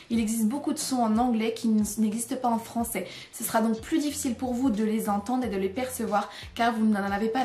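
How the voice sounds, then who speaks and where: Bright-voiced French woman teaching English. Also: on the high side. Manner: clear, explanatory, demonstrating English pronunciations. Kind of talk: scripted video lesson. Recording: echoey room with faint music.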